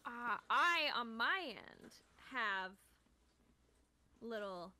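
A woman's voice: on the high side, expressive, extremely slow, sharp tone. A woman co-hosting a podcast in casual chat, giggly and filled with "like"s. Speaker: podcast co-host.

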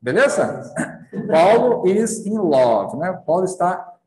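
A Brazilian Portuguese-speaking man teaching English vocabulary, checking in with his students after each point and slowly sounding out the English words. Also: high voice, sing-song, a little mellow, roomy sound, rough recording. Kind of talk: classroom lesson.

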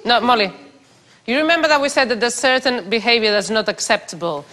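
A woman's voice: a little high, brisk, fairly bright tone. A woman directing a youth drama rehearsal in a theatre studio, explaining things patiently and firmly to the young performers. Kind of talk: instructing young cast at rehearsal.

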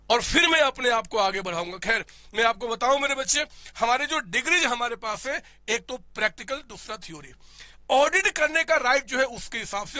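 This is a middle-aged man with an Indian accent, teaching a class of students. He gives an earnest, fatherly motivational lecture and often calls his listeners his children. His voice sits very high and sounds sharp and bright, and the recording is close and dry. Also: no room sound.

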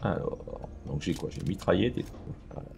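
A man's voice: low-pitched, lively intonation, fairly quick, creaky, over music. A man hosting a let's play, chatting casually and thinking aloud with lots of fillers as he plays. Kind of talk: casual gameplay commentary.

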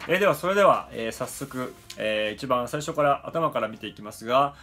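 A man teaching English pronunciation in a lesson, pausing often on "eh" fillers and slowly demonstrating sounds. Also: medium pitch, lively intonation, pushed and bright. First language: Japanese. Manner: frequent "eh" fillers, slow careful demonstrations.

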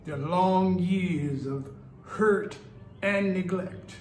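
An older man, an actor, performing an impassioned civil rights preacher's speech in a slow, oratorical delivery, filmed on a phone camera in a small tiled room. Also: a little high, a little mellow. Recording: echoey room, faint hiss.

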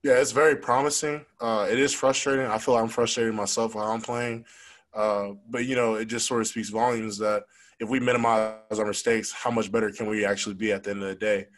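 This young adult man, a college football player, responds to reporters after a game in a rough recording. His voice is on the low side with fairly even intonation, and his speech is frank, quick and casual, packed with fillers. He sits at a desk microphone on a stand, a logo backdrop behind him in the press room.

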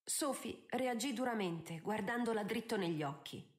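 A woman narrating a novel in an audiobook, measured and expressive. Her voice sits at a middle pitch. She moves through the scenes with clear, steady storytelling.

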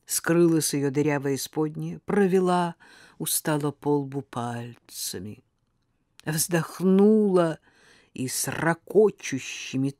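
Woman audiobook narrator, lowish voice, measured expressive reading, dry close sound. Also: dry recording.

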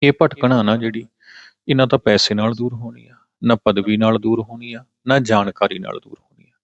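A man's voice: fairly low pitch, steady tone, no echo, muffled recording. Patient Punjabi man teaching scripture. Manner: slow drawn-out chanting of verses, then plain explanation; patient, corrects pronunciation step by step. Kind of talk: religious scripture exposition.

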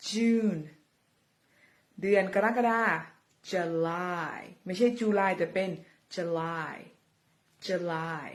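A woman teaching English words, saying each one slowly and repeating it for learners to copy. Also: mid-range voice. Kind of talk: slow pronunciation lesson.

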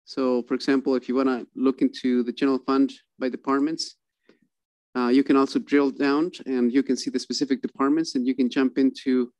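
Over a video call, a man with a mid-range, slightly mellow voice presents a city budget at a council meeting on a dry recording. His delivery is halting, full of fillers and restarts.

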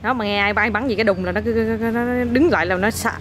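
This mother, filming her toddler outside, has a slightly high voice and talks fast. She chats casually and coaxes the child playfully, repeating herself, against faint outdoor noise.

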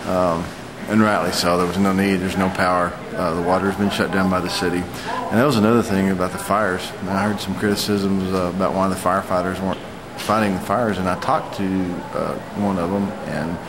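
A man in his forties giving an unscripted, matter-of-fact eyewitness vlog report, speaking haltingly. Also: low-pitched, fairly even intonation, crowd noise, rough recording. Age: 40s. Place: hotel lobby, indoors.

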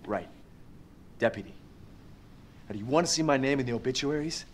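A man's voice: mid-range voice, fairly quick, a little hiss or hum, close to an everyday voice. A man playing a panicked trapped man. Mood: desperate. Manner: desperate, pleading, swearing.

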